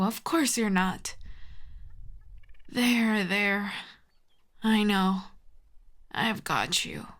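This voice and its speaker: In an intimate roleplay audio drama, a woman voices a telepathic villain who is cool and commanding yet grudgingly tender. Her mid-range delivery is measured, dry and hushed, with a soothing mood.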